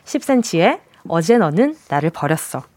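Woman radio DJ, playful and chatty, lively bouncing pitch, dry close studio sound. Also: no room sound. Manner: playful, chatty, reads listener texts with quick reactions. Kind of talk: casual radio show chat. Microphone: studio mic.

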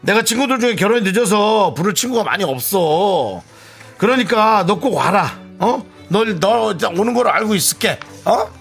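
Guy doing a high, swoopy pushy friend, whiny and fawning, radio skit bit with faint music behind. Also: expressive, moderate pace, gravelly, fairly bright tone, heavily acted. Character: pushy, self-centered male friend, adult.

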